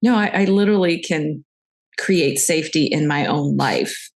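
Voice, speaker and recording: A woman's voice: sits low, normal speed. A woman hosting a podcast interview, talking candidly and reflectively about her own experiences. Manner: candid, reflective, shares personal stories. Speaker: podcast host. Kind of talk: conversational interview.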